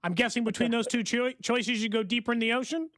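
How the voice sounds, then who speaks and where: A man's voice: very high voice, fast, fairly bright tone, no echo, studio quality. A man co-hosting a sports radio show, asking a guest chatty, rambling questions. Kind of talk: casual interview questions. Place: radio studio.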